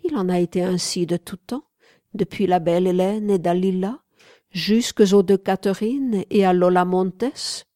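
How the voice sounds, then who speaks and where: A woman's voice: fairly low pitch, fairly even intonation, unhurried, warm tone, no room sound, clean studio sound, lightly acted. A woman reading an audiobook, voicing a haughty, mocking woman in furs with a cool, commanding tone.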